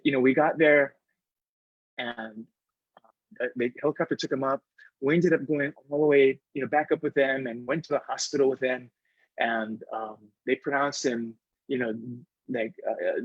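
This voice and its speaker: A middle-aged man from Hawaii speaks as a guest at a workshop, sharing a personal story earnestly and conversationally with many fillers. His medium-pitched voice is husky, and the recording is dry and slightly dull.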